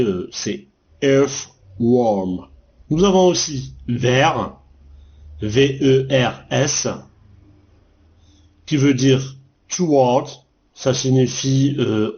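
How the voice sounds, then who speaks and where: A man teaching French vocabulary, speaking slowly and deliberately and spelling words out letter by letter. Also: mid-range voice, darkish tone, dull audio. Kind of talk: vocabulary lesson.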